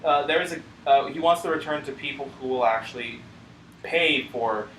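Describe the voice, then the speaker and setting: A man's voice: mid-range voice, moderate pace, a bit bright, echoey room, a little hiss or hum, rough recording. A man co-hosting a casual gaming podcast, speculating aloud with frequent restarts and slips of the tongue. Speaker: podcast co-host.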